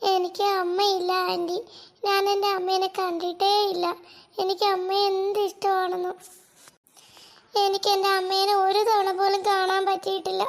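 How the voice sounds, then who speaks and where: A timid little girl with no mother, whining and pleading through her tears, voiced by a cartoon performer. Her voice sits extremely high and thin, with a childlike plea in every line. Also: completely flat delivery, moderate pace. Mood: sad. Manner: whiny, pleading. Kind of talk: cartoon voice acting.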